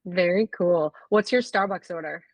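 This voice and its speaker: Woman, podcast co-host, fairly low pitch, dry recording, friendly, light. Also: moderate pace, dry recording. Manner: friendly, light segue questions. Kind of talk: podcast interview.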